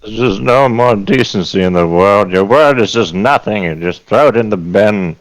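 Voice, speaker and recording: A man voicing a disgruntled old southern man who complains in a slow drawl during a tabletop game. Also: fairly low pitch, lightly acted, low-quality recording. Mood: grumbling. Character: grumbling old southern man, disgusted with the world.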